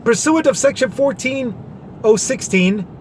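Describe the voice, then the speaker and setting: A man's voice: extremely high pitch, expressive, measured pace, a little mellow, slight background noise. A man reading out a government order and explaining it in plain words, with a sarcastic edge. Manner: sarcastic, paraphrases in plain terms. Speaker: commentary vlogger.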